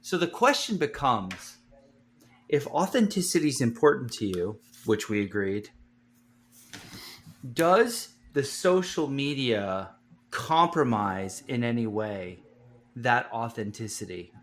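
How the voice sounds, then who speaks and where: A man's voice: mid-range voice, expressive, slow, a little hiss or hum. Rambling, cursing man co-hosting a podcast. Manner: rambling, swears freely. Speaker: podcast co-host. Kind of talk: casual podcast chat.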